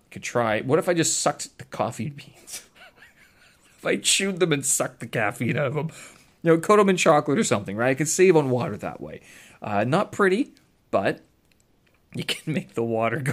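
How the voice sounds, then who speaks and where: A man's voice: medium pitch, very animated, normal speed. Rambling man telling a story. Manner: rambling, self-interrupting, chuckling asides. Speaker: vlogger. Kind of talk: casual storytelling monologue.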